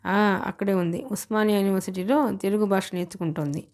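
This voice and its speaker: A woman voicing a proud, quick-witted young groom in an audiobook, bluffing with a straight face. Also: medium pitch, steady tone, a little mellow, lightly acted.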